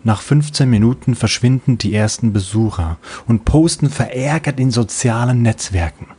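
A man's voice: mid-range voice, expressive, normal speed, mellow, slightly rough. A man narrating a comic audiobook in a playful storytelling manner.

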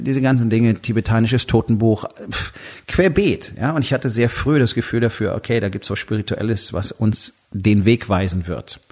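A man with a husky voice talking to the listener in a casual monologue, blunt and crude, full of fillers, acting out his own inner doubts as quoted asides. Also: on the low side, darkish tone. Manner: blunt and conversational, with crude words and many fillers.

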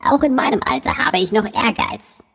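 A woman in a disguised deep voice, voicing an aging, boastful dinosaur who speaks the riddling clues of a quiz. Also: normal speed, slightly rough. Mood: proud. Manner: riddling, rhyming clue delivery. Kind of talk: scripted quiz clue recording. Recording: recording with long hall reverb.

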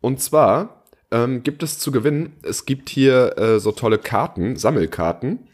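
A man co-hosting a podcast who runs a quiz in casual chat, explaining in a relaxed, rambling way with fillers. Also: medium pitch, measured pace, husky. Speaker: podcast co-host running a quiz.

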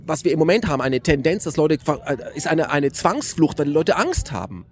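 Fast-talking, animated man. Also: a little high. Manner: animated, restarts and rhetorical questions. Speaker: interviewee. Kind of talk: casual conversation.

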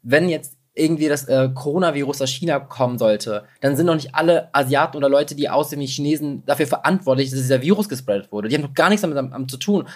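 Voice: mid-range voice, fast talker, few pauses. Guest voice, fired-up, talks in a long emphatic run. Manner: emphatic, impassioned. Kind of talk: casual chat.

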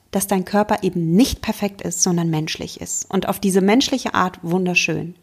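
Female mindfulness coach, podcast host; breathy, gentle, encouraging, speaks directly to the listener. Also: mid-range voice. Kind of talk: self-help podcast talk.

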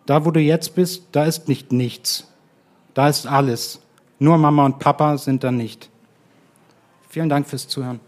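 A man reading his own short story aloud at a live radio event, in a calm and measured way that slows to quiet, drawn-out lines. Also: fairly high pitch, a little hiss or hum. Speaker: guest author reading his own text.

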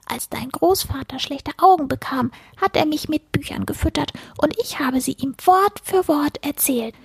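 Woman doing a lisping squeaky book-eating creature. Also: lively intonation, moderate pace, vocal fry, no echo. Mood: chatty. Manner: high, gushing, savoring words. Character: excitable lisping furry little male book-eating creature.

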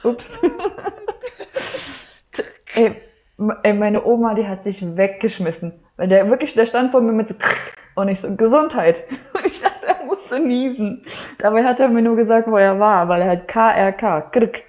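A woman's voice: medium pitch, moderate pace. A young woman guest spinning casual anecdotes, switching into quoted voices and laughing between lines. Her voice sits mid-height. The audio is slightly dull and lo-fi. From Germany, Croatian family. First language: Croatian heritage speaker. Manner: animated storyteller, laughs often, acts out quotes.

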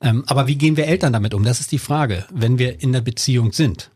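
A middle-aged man, a family counselor, explaining parenting calmly in conversation with some hesitation fillers. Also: mid-range voice, quick pace, slightly rough, dry recording, clean studio sound. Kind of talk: conversational expert advice.

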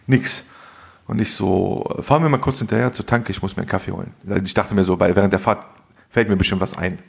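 Gravelly, husky slang-heavy male storyteller. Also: deep voice, fast. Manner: slangy, animated storyteller, says "Alter" a lot. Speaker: podcast co-host. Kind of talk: casual storytelling.

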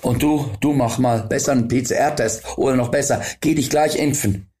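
A man's voice: medium pitch, steady tone, normal speed, darkish tone, lightly acted. A man voicing an anxious, paranoid male acquaintance who keeps insisting that others might be ill. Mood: insistent. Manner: insistent, nagging, fearful.

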